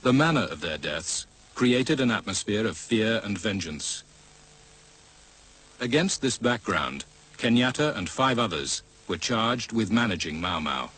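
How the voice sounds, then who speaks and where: A man giving measured, serious scripted documentary narration. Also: lowish voice, sing-song, fairly bright tone, husky, low-quality recording.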